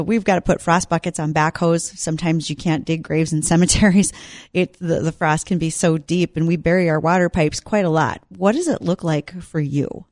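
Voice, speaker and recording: A woman's voice: lowish voice, a little mellow, dry recording, clean studio sound. A woman hosting a radio show in a chatty, informal, conversational way, moving between questions and announcements. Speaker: radio host. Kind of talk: conversational hosting with sponsor reads.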